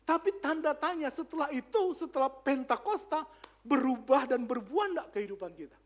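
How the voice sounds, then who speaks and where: A male pastor preaching a lively, conversational sermon with asides to the congregation in a church. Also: extremely high pitch, a little fast.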